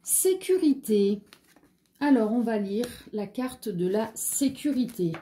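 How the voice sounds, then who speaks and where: A woman with a French accent talks slowly through a casual tarot reading, pausing on fillers and drifting into chatty asides. Her voice is mellow and soft-edged, with a slight frog in her throat. The delivery is unhurried and conversational. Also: on the high side. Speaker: tarot card reader.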